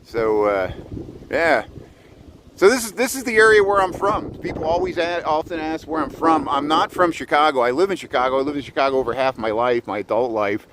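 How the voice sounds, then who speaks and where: A man's voice: on the high side, animated, brisk, background noise. A middle-aged man from Southeast Indiana livestreams as he walks a small-town main street outdoors, talking casually with many fillers and restarts. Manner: rambling, lots of fillers and restarts. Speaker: live streamer.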